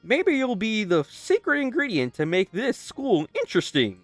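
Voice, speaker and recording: A man's voice: high voice, wildly swooping pitch, slow, creaky, a bit bright, no echo, soft background music, voice pushed up, full character voice. Man doing a manic ringmaster principal. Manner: manic, enthusiastic. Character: manic male ringmaster principal made of teeth.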